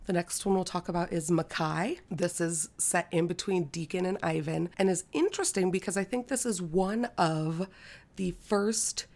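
Woman podcast host chatting about books, lowish voice w/ heavy vocal fry, scratchy sick throat, lots of likes. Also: normal speed, darkish tone. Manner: hesitant, conversational, with frequent "like" and "kind of". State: recovering from a cold, scratchy throat. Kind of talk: casual book discussion podcast.

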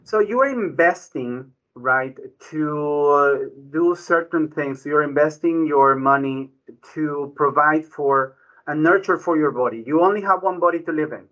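A physician guest from Ecuador explains things conversationally, unhurried, restarting often and adding frequent "right?" tag questions. His voice is bright and a little high, captured on dull lo-fi audio.

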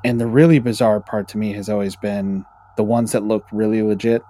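Rambling, low-voiced man. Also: steady tone, a little fast, dark tone. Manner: rambling, with many fillers and restarts. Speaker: podcast co-host. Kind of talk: casual chat and reading spooky stories.

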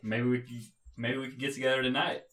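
A man's voice: medium pitch, little pitch movement, fast, fairly bright tone, recorded from a distance. A man telling a story in casual chat with friends. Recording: off-mic, other voices behind.

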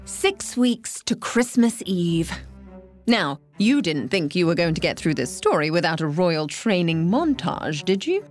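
A woman's voice: lowish voice, very animated, measured pace. Woman narrating a story over faint music. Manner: playful, storytelling. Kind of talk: scripted narration.

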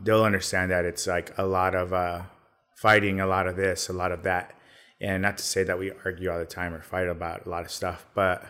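A man talking casually as a podcast guest, relaxed and rambling with lots of fillers. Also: deep voice. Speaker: podcast guest, business owner. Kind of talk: casual conversation.

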